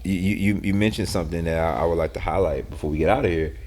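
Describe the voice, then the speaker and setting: A man's voice: low-pitched, quick pace, darkish tone. A man co-hosting a podcast in casual discussion, earnestly posing questions and challenging listeners. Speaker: podcast co-host.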